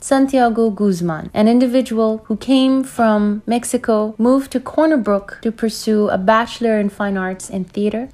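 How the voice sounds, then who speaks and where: Woman, radio host, articulate, enthusiastic, mid-pitched voice. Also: a little mellow. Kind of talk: radio interview.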